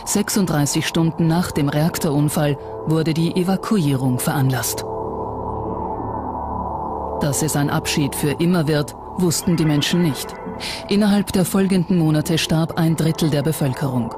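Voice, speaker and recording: A documentary narrator reads a scripted narration in a mid-range voice at normal speed, with background music playing behind the voice.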